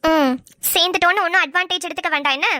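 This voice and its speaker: Woman voicing a very high-voiced teasing young wife. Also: very fast, sharp tone, dry recording, studio quality. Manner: teasing, haughty. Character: proud young wife, playfully stubborn. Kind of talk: amateur cartoon voice acting.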